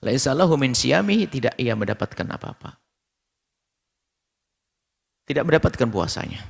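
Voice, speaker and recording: A man preaching a sermon, quoting Arabic sayings and translating them, acting out little scenes in a lively storytelling manner. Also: moderate pace, creaky, husky. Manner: animated storytelling, acts out characters with sharp pitch jumps; quotes Arabic hadith then translates. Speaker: Islamic preacher. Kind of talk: sermon with acted-out anecdotes.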